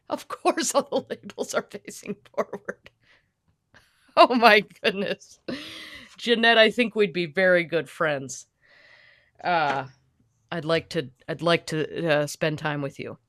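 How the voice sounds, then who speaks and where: A woman's voice: lowish voice, bright, forceful tone, no echo, studio quality. A woman hosting a comedy podcast as a fussy, intense perfectionist who lectures emphatically into a podcast microphone. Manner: fussy, emphatic, lecturing, quick to get heated. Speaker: podcast host in character.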